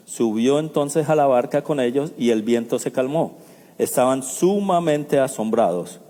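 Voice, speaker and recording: A man's voice: mid-range voice, mellow. A male pastor giving a conversational sermon, asking the congregation rhetorical questions and making joking asides. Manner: jokey asides and chuckles. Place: church sanctuary. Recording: long hall reverb in a church.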